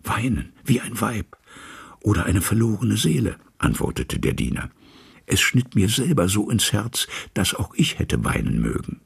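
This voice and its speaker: A man voicing an anxious old male servant in a storybook reading, talking in a hushed, half-whispered, pleading way with a husky, gravelly voice. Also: lowish voice, big pitch swings, moderate pace, voice pushed up, exaggerated voice. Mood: shaken.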